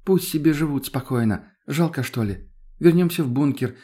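A man voicing a thoughtful, reasonable young woman who talks in an earnest, gentle way. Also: on the high side, expressive, moderate pace, breathy edge, pitched above the performer's own voice.

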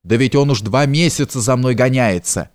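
A man's voice: mid-range voice, moderate pace, close to an everyday voice. A man doing a panicky cowardly young prince. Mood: panicked. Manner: breathless, stammering, frantic. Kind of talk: audiobook character reading.

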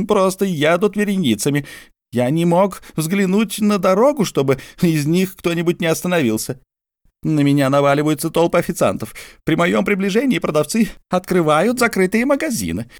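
A man's voice: a little high, no room sound, studio quality, pitched above the performer's own voice. A man doing a grumbling, worn-out writer. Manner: gruff, complaining outbursts. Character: exasperated grumbling male writer, worn out and irritable. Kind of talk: audiobook character voice.

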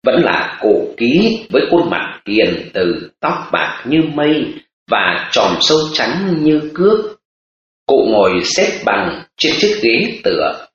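A man reading a story aloud as an audiobook narrator, slowly and expressively. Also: medium pitch, a bit bright, slight background noise. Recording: echoey, dull audiobook recording.

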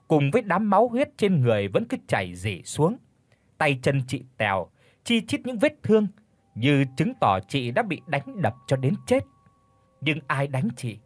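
A man reads an audiobook story with expressive delivery. His voice is husky and moves through a lively pitch range. It is recorded dry on a close mic. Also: no room sound. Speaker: audiobook narrator. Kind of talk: scripted story narration.

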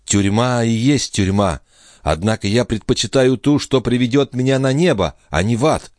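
A man voicing a desperate, defiant young woman held captive, crying out and pleading in high, strained outbursts. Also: animated, normal speed, a little mellow, no room sound, clean studio sound, close to an everyday voice. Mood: despairing. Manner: sobbing, pleading, shrill outbursts.

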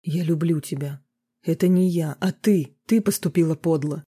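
A reader voicing a jealous, domineering husband in an audiobook, scornful and shouting. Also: mid-range voice, moderate pace, breathy edge, close to an everyday voice. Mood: angry. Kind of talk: audiobook character reading.

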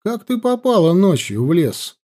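A man voicing a young werewolf chieftain who speaks coldly and evasively, in a measured way. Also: high-pitched, big pitch swings, mellow, voice pushed up.

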